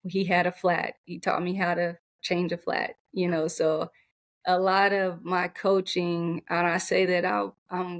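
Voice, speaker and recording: A soft-spoken woman coach talking in an interview, with many fillers and restarts. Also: on the low side. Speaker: coach, podcast guest. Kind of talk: conversational interview.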